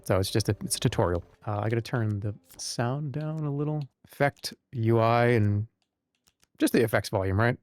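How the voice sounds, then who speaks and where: A man's voice: medium pitch, normal speed, darkish tone, no room sound. A man giving casual gameplay commentary as a streamer. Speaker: game streamer. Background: game music.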